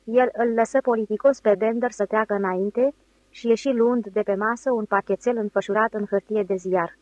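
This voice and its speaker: A woman's voice: mid-range voice, fairly even intonation, darkish tone, dry recording, lo-fi sound. Woman narrating an audiobook. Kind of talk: scripted narration.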